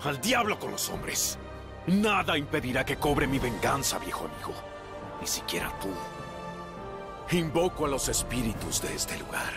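An actor playing a proud, vengeful young warrior prince in a video game, commanding and dramatic. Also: male voice, mid-range voice, sing-song, normal speed, over music. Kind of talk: video game cutscene acting.

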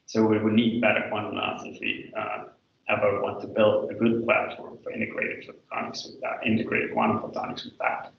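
A man presenting his PhD thesis defense as an academic slide talk, explaining in a hesitant, hedging, halting way. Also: lowish voice, gravelly, a bit bright, slight background noise. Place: indoor room, online video call. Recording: echoey room, distant mic, dull video-call sound.

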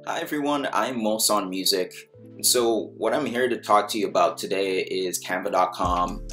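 A music producer from Barbados casually walking through a screen-recorded design tutorial, with many ums and restarts. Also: male voice, sits low, normal speed. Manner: relaxed, full of ums and restarts.

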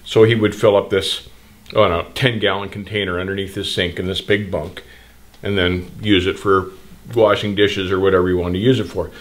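A man's voice: deep voice, little pitch movement, moderate pace. An older man hosting a trucking channel, speaking straight to camera in blunt, plain-spoken, indignant advice talk and gesturing broadly, recorded in a small indoor studio.

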